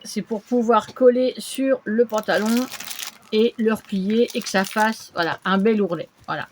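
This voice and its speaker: A woman's voice: mid-range voice, steady tone, unhurried, slight background noise. Woman vlogger, mid-range voice, casual haul chatter on a camera mic. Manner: chatty, frequent fillers and little interjections. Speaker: vlogger showing a shopping haul. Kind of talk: casual haul video chat.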